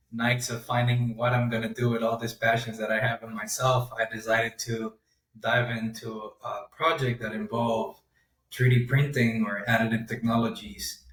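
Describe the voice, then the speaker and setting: A young man, a podcast guest talking through his path in a measured way with frequent pauses. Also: medium pitch. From Honduras. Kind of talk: casual interview. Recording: roomy, distant mic.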